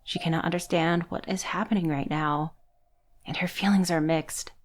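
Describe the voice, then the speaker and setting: A woman narrating a horror story in a measured, scripted storytelling manner. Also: fairly low pitch, steady tone, a little hiss or hum.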